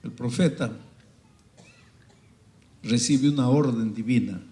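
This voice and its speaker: A man preaching a sermon, swinging dramatically between hushed and loud passages. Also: medium pitch, takes it slowly, roomy sound.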